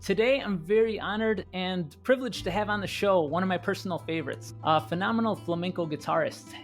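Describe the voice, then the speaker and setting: A man's voice: high-pitched, a little fast. A man hosting a guitar podcast, giving a polished, upbeat introduction and asking interview questions. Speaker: podcast host.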